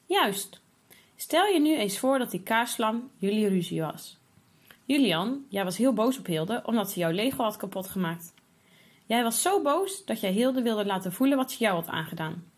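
A woman voicing a patient, firm mother who gently explains a lesson in a children's story. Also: on the high side, big pitch swings, moderate pace, slightly rough. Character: calm, patient, wise mother.

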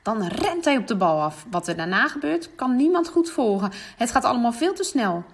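A woman reading a children's story aloud, giving the children's calls lively, high voices. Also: normal speed, breathy edge.

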